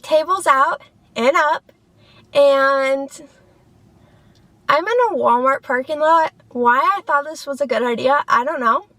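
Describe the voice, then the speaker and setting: A young woman with a bright, high voice talks in a loose, rambling way, often laughing at herself. She sits in her parked car and films a casual food vlog, with the camera on a tripod in the window. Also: no room sound. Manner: chatty, rambling, self-deprecating. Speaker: food vlogger. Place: inside a parked car in a store parking lot.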